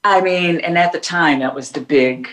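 A woman's voice: fairly low pitch, moderate pace, a bit bright, slight background noise, low-quality recording. Woman singer rambling through stories. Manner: rambling, restarts often, laughs while telling stories. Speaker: singer guest. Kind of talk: casual interview storytelling.

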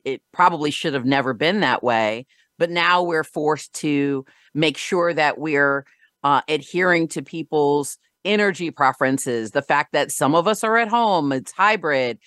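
Female radio host, lowish voice, dry close sound, earnest and chatty with frequent restarts. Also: a bit bright, no room sound. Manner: earnest, repeats words while thinking. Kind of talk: radio interview chat.

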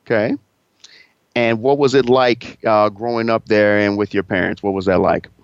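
A male radio host with a lowish voice, talking in a loose, casual way and tripping over his words as he goes. The sound is dull and dry, with no room around it. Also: steady tone, normal speed, clear, resonant tone, no room sound. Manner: stammering, repeats words when flustered. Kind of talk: casual interview chat.

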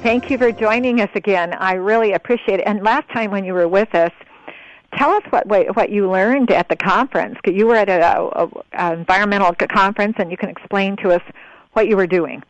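A woman hosting a conversational radio interview, with rambling, halting phrasing. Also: medium pitch, no room sound, soft background music. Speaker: radio show host. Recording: dull lo-fi radio sound.

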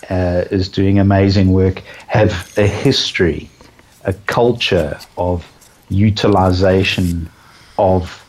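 Deep-voiced man, dry and reflective. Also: a little mellow, highs cut off. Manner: dry, reflective, self-aware sarcasm. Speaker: conservation guest. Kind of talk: podcast interview.

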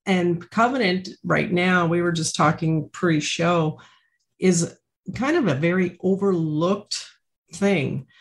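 A woman's voice: lowish voice, slow pace. Affirming woman hosting a podcast. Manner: affirming, enthusiastic. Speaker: podcast host. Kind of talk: conversational interview.

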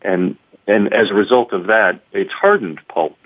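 A man speaks as a company guest in an interview, stopping and restarting often, with "uh" between phrases. His voice is very low and dry. It comes through a thin, phone-like line. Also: very animated, no room sound. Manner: halting, many repeats and fillers. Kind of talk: interview answers.

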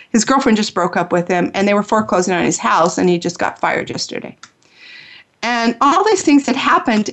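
A woman who hosts a spiritual healing radio show, telling a personal story in an earnest, heartfelt way. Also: a little high.

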